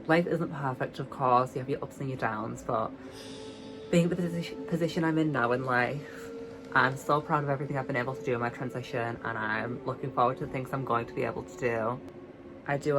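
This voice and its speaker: A young British vlogger with a light, high, girly voice chats casually, poking fun at herself and stretching words out for emphasis. The audio quality is poor.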